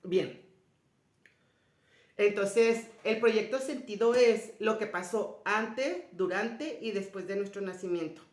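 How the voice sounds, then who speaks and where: A woman giving a spiritual personal testimony to an audience, retelling conversations and often dropping to a soft, low voice. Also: takes it slowly. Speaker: speaker sharing a personal story. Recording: roomy echoey sound.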